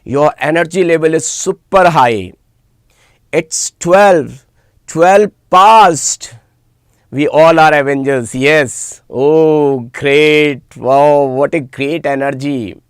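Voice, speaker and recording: This teacher's voice sits on the high side, with a steady, clean tone, and he takes things slowly. He has an Indian accent and chats informally with students during a live online class, emphatically repeating words and phrases, with no room sound.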